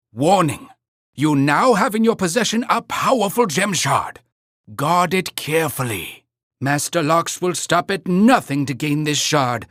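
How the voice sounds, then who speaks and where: A pompous little-town mayor from a cartoon video game. He speaks in a high, very animated voice and announces everything with earnest, theatrical grandeur. The recording is dry and close. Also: dry recording, exaggerated voice. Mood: urgent warning. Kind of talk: scripted video game narration.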